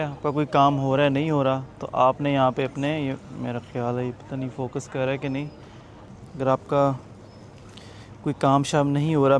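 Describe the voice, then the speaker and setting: A young Pakistani man with a medium-pitched voice works as a travel vlogger, narrating casually as he strolls a crowded tourist waterfront outdoors. He's chatty and jokey, addressing viewers while he walks. Street noise and traffic fill the background of the outdoor recording.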